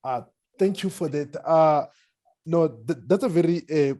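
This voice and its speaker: A male scholar answering an audience question at an academic seminar, speaking slowly and haltingly with many restarts. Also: a little high, dark tone. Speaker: presenting scholar. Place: seminar room.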